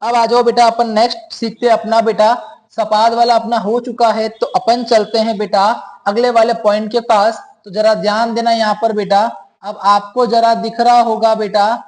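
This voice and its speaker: A man speaking at normal speed, with a high-pitched, darkish voice that barely moves in pitch, patiently explains rules during a classroom lesson. Calling his students "beta" again and again, he asks questions and makes sure they follow along.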